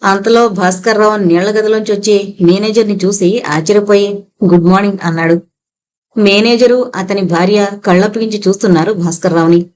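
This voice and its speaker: A woman's voice: mid-range voice, brisk. Woman reading a novel aloud. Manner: steady storytelling reading. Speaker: audiobook narrator. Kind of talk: scripted narration.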